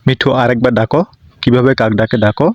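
A man patiently coaxing his pet parrot to mimic a crow, in a gentle, coaxing way. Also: medium pitch, level tone, quick pace, highs cut off. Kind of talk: coaxing talk to a pet bird.

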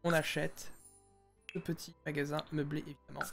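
A man's voice: on the high side, little pitch movement, moderate pace, vocal fry, fairly bright tone, faint music behind. A young man giving casual, jokey commentary while playing a life-simulation game, often addressing viewers directly as his friends. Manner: jokey, talks to viewers as "les amis". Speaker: gaming YouTuber. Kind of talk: casual let's-play commentary.

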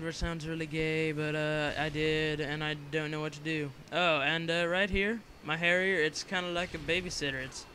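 Bright-voiced young gamer rambling over gameplay. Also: male voice, on the high side, a little hiss or hum. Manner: rambling, joking, filler-heavy. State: coughing from a cold. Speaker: gameplay commentator. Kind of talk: casual game commentary voice-over.

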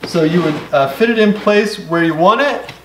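A middle-aged man giving relaxed, step-by-step how-to instructions while building in his home workshop. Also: high-pitched, moderate pace. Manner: relaxed, step-by-step explaining with casual fillers. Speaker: DIY builder. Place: home woodworking garage workshop. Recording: echoey workshop with clear background noise.

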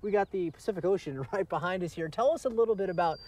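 A man's voice: high voice, fast, a little mellow. A male TV reporter talking live outdoors on a golf course, upbeat and chatty. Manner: upbeat and chatty, laughs often. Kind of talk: live morning news feature.

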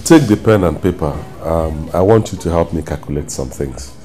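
A man's voice: a bass voice, animated, normal speed, dark tone, faint music behind. An actor with a Nigerian accent playing an emphatic husband who lectures his wife with exclamations and questions. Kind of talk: film drama acting.

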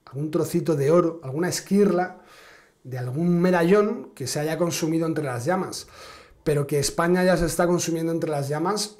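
A man delivering a political commentary monologue in a rather high voice. He speaks with biting sarcasm and stretches key words for emphasis, repeating phrases for effect. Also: a little mellow. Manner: sarcastic, emphatic, drawn-out dramatic stresses.

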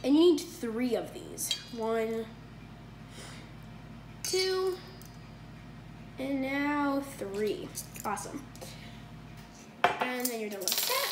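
Animated and high-pitched, the young cooking-video host draws out her words and leaves long pauses, staying chatty and cheerful with frequent fillers and self-corrections. The phone recording, made across the counter, carries the kitchen's echo and noise.

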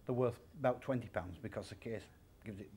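His voice is lowish, husky and a little mellow, and he speaks fairly quickly. He's a man in his fifties who owns a secondhand shop, giving a chatty, plain-spoken interview in a large indoor furniture warehouse where he goes through old items' prices step by step.

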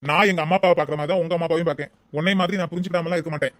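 Lady doing a curt cartoon husband, low and rapid, dry. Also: fairly even intonation, no echo, close to an everyday voice. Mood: reassuring. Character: young adult male husband, curt, office-bound. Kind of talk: cartoon voice acting.

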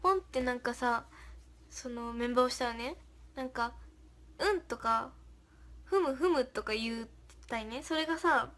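A woman's voice: fairly high pitch, moderate pace, long pauses, a bit bright. A young woman hosting a casual livestream, reading viewer comments aloud, thanking them, and giggling often. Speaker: idol livestream host.

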